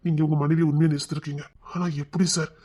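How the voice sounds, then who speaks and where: A man voicing a heartbroken widower, quiet and low. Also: flat delivery, natural voice. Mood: sorrowful. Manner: quiet, subdued, halting. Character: grieving middle-aged man, soft and heartbroken.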